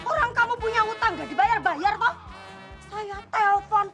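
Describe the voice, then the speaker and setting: An actress playing a fiery young market seller who shouts indignantly about an unpaid debt in a sitcom. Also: female voice, extremely high pitch, normal speed. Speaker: sitcom character. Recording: music and audience laughter behind.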